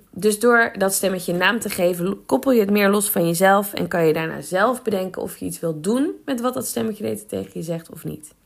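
A woman coach talks through advice in a relaxed podcast monologue. Her voice has a gravelly, fry-tinged edge and sits at a middle pitch. She laughs easily and fills pauses with ums. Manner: chatty, laughs often, many fillers.

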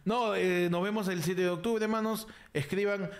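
A man's voice: sits high, fairly even intonation, normal speed, slight background noise. A Peruvian man co-hosting a casual comedy chat, talking in slang and repeating phrases for emphasis. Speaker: podcast co-host.

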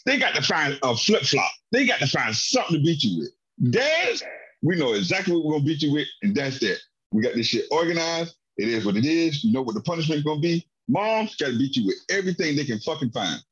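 A man with a husky, slightly raised voice tells childhood stories in a loose, profane chat. His pitch swings widely as he laughs his way through the stories. The audio is dull and lo-fi. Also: fairly quick. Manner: animated, laughs often, profane storytelling. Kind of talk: casual storytelling chat.

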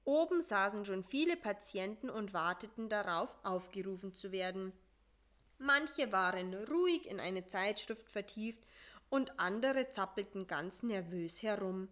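A woman reading a children's story aloud as narrator, in a calm and measured way. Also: medium pitch.

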